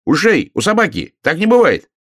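A man voicing a playful, excitable hare in a children's tale. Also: high-pitched, moderate pace, voice pushed up, exaggerated voice. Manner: bouncy, excitable.

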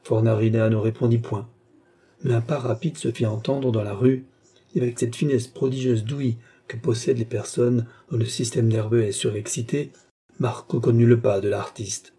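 A man narrating a classic novel in a measured, dramatic reading. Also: mid-range voice, fairly even intonation, warm tone, husky. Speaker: audiobook narrator.

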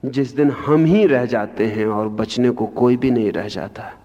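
A man giving a spiritual discourse, speaking slowly and with emphasis, his voice rising sharply on key points, in a lo-fi archival recording. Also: mid-range voice, warm tone. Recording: lo-fi archival recording in a long-reverb hall.

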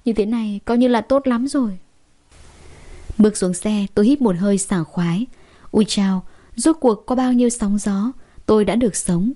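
A woman's voice: mid-range voice, moderate pace, dark tone. A woman narrating a first-person story in an emotive, chatty way.

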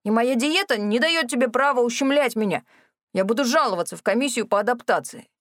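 A woman's voice: fairly high pitch, expressive, brisk, dry recording, studio quality, voice pushed up, lightly acted. A woman voicing a cowardly, fussy male ghoul who protests shrilly and indignantly.

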